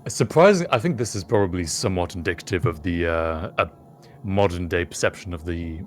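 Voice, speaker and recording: A British man with a very deep voice talks through ideas in a relaxed podcast conversation. He is measured and thoughtful, pausing often and filling gaps with hesitant ums and uhs. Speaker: podcast co-host. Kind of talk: casual chat.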